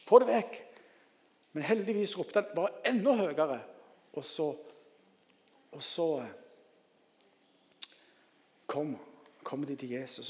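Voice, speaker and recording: High-voiced man preaching, echoing church. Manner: lively, joking, calls out to the congregation. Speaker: guest preacher. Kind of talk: sermon.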